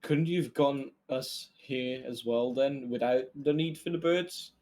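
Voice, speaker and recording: A man's voice: medium pitch, unhurried, darkish tone. A man talking casually as a player in a tabletop role-playing game.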